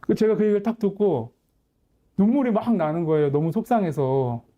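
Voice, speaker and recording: A man's voice: sits high, moderate pace, dull audio. A man in his forties, a pastor and counselor, telling a personal family story in a candid, conversational sermon.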